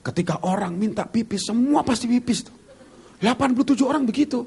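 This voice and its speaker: A male pastor preaching at a church service, telling humorous stories and acting out the dialogue in a lively way. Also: extremely high pitch, fast, slightly rough. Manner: lively storyteller who acts out dialogue. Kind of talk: humorous sermon storytelling.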